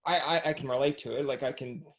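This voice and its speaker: A man's voice: medium pitch, fast talker. A man hosting a casual podcast interview over a video call. He jokes and acts out little scenes. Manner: jokey, animated storyteller who acts out quotes. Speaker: podcast host.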